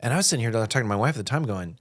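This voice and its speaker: A man's voice: mid-range voice, lively intonation, rapid-fire. A man co-hosting a casual faith podcast, joking around and laughing often. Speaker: podcast co-host.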